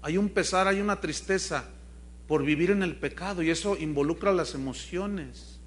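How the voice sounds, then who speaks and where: A man's voice: sits high, moderate pace, slight background noise. A man, a pastor preaching a sermon to his congregation, telling stories animatedly and speaking straight to his listeners. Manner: animated storytelling with acted quotes, addresses the congregation. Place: church congregation.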